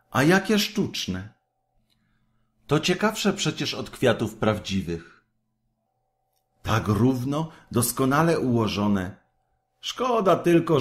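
A man doing a sneering young boy, high-pitched. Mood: fascinated. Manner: sneering and scornful. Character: spiteful, mocking young boy. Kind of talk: storybook reading.

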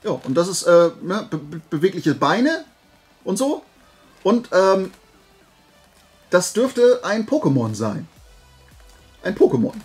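Over soft background music, a video creator presents flea market finds in a high, sing-song, breathy voice, speaking slowly with long pauses. His rambling chat to viewers is colloquial and playful, wandering into small digressions.

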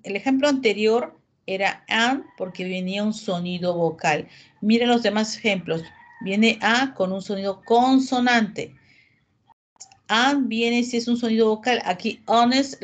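Patient woman teacher on a video call. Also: medium pitch. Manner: patient, explains slowly, mixes Spanish and English. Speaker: English teacher. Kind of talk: online class, calling on students.

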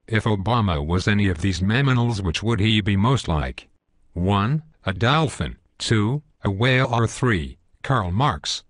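A man's voice: lowish voice, expressive, measured pace, dry recording, studio quality. A synthetic male voice playing a smug, belligerent parody news anchor in a scripted cartoon newscast, stiff and pompous. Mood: accusing.

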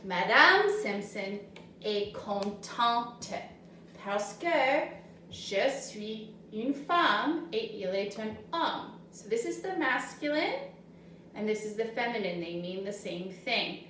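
A woman teaching a simple French lesson to children, speaking slowly and clearly, repeating each word and giving English translations. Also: mid-range voice, lively intonation, sharp tone, slight background noise. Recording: very echoey room, voice from far off.

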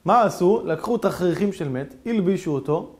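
A man preaching as a rabbi, with a high voice. He tells the story theatrically, dropping to a hush and then surging loud. His phrasing is that of a lively congregational sermon. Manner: animated, theatrical storytelling with sudden swings in loudness.

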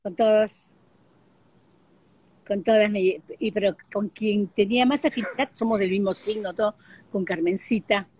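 An older woman with a Peruvian Spanish accent, a guest telling lively stories in a casual interview with plenty of fillers. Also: medium pitch, moderate pace, a little hiss or hum. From Peru. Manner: lively storyteller, frequent fillers. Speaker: guest, actress and broadcaster. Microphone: video call.

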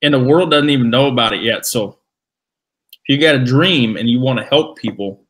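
Bright-voiced man hyping a deal. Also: mid-range voice, brisk. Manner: emphatic, hyping. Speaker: webinar co-host. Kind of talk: casual sales pitch.

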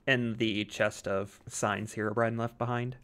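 A man hosting a gaming channel, bantering loosely with a friend as they play together. He keeps things laid-back and jokey, often breaking into a chuckle. His voice sits on the low side. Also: level tone, measured pace, fairly bright tone. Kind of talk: casual chat while playing a modded game.

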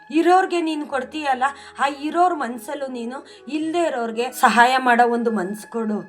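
A middle-aged woman speaking a heartfelt, pleading prayer straight to the deity, fervent and earnest. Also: high voice. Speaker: devotional channel host.

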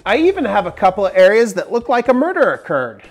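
A man's voice: sits high, wildly swooping pitch, fast. A man in his forties hosting a casual woodworking tool review from a large barn workshop, talking into a lapel mic in an upbeat, jokey, explanatory way. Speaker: woodworking channel host.

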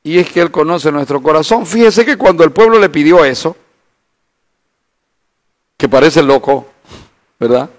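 A high-voiced man preaches a Bible study. He is animated and acts out the imagined voices of his listeners. His delivery is full of rhetorical questions. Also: moderate pace, pauses often. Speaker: pastor.

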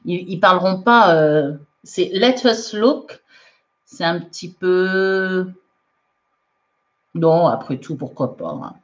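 A woman's voice: on the low side, slow, pauses often. A woman teaching English in a live online lesson, reading out viewers' comments and correcting them in a chatty way with frequent laughs, mixing French and English. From France. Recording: dull lo-fi livestream audio.

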